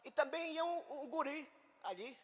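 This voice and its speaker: A man from Brazil, a pastor, telling a story in an animated sermon and acting out voices in the quotes. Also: very high-pitched, normal speed, in a large hall. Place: church hall.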